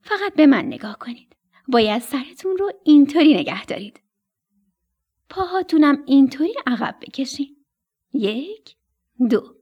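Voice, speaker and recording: A woman's voice: sits high, very animated, long pauses, mellow, highs cut off, pitched above the performer's own voice. A woman putting on a firm, instructive mother stork. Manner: coaxing, instructive. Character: protective, strict mother stork.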